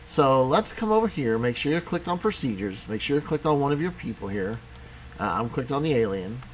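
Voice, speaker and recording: A man teaching a programming lesson in a casual, conversational way, talking as he clicks through software. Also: medium pitch, sing-song, a little fast, a little hiss or hum. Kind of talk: screen-recorded coding tutorial.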